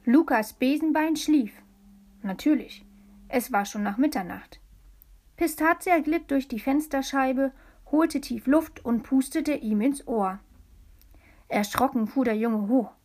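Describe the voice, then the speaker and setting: A woman reading a children's story aloud in a calm, unhurried storytelling manner. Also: high voice. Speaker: narrator.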